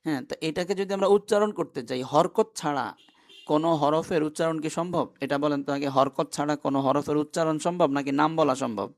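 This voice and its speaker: A man's voice: on the high side, quick pace. A man teaching an online class, who explains step by step and keeps asking his students questions.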